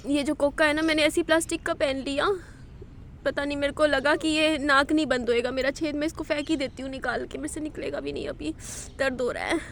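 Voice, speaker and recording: A young woman with a high, light voice pours out her troubles to the camera in a personal vlog. She sounds tearful and distressed but keeps confiding. It was recorded outdoors in a park, with faint outdoor ambience behind her. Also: fairly even intonation, fairly quick, vocal fry, fairly bright tone, slight background noise. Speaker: vlogger.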